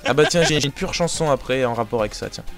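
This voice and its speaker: A man's voice: medium pitch, fast, faint music behind. A man hosting a live show in casual chat, reading out listener messages with joking banter. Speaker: host.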